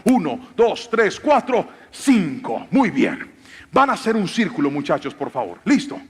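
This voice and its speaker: A man's voice: high voice, sing-song, unhurried, breathy edge. A man preaching a theatrical sermon from a stage, directing volunteers. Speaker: pastor. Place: large church hall with audience. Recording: long hall reverb, faint music.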